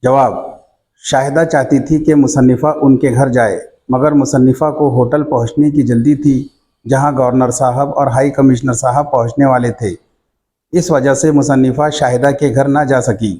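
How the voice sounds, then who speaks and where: A male teacher reading out textbook questions and their answers in a slow, measured dictation manner. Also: mid-range voice, steady tone, dark tone.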